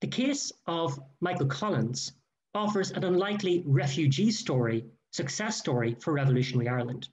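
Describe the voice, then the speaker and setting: A man giving a formal, measured history lecture read from a prepared text. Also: fairly high pitch, a little mellow. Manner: measured, careful delivery with quoted sources. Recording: dull lo-fi recording.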